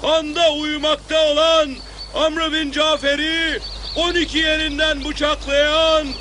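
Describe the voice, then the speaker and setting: A very high-voiced town crier proclaims to the townspeople in a slow, drawn-out call. The delivery stays on one level, as in a period drama, over noisy ambience. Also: male voice, level tone. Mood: urgent proclaiming.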